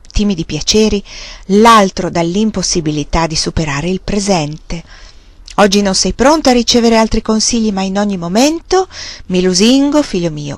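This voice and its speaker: A woman's voice: mid-range voice, no echo, natural voice. A woman reading the lines of a grave, fatherly mentor giving solemn advice, in a dry close recording.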